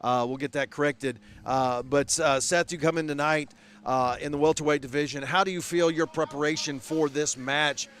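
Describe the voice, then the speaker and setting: A man's voice: a little high, steady tone, moderate pace, a bit bright. A man working as a fight night interviewer, talking in a wordy, hesitant way full of uhs before a bout. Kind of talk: pre-fight sports interview.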